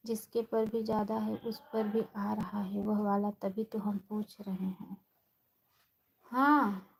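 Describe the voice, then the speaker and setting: Woman live-streamer, gravelly and unhurried, greets viewers by name. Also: mid-range voice, a little hiss or hum, low-quality recording. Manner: chatty, addresses viewers by name; talks softly and slowly, holding her voice down. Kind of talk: casual live-stream chat.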